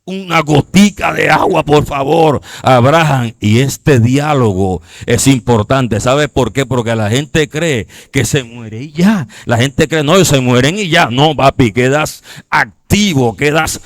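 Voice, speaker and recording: A man's voice: medium pitch, slow pace, no room sound. A man preaching a Bible class, reading scripture and explaining it, often asking the listeners questions to check they are following. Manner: reads scripture aloud and explains it line by line. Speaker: preacher teaching a discipleship class.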